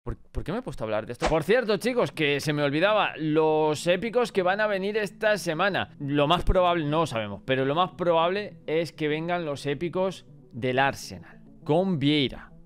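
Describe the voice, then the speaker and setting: A young man from chatting about video games to his viewers, excitable and given to swearing, indignant rants. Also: a little high, moderate pace, clear, resonant tone. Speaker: gaming YouTuber. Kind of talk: casual gaming commentary to camera.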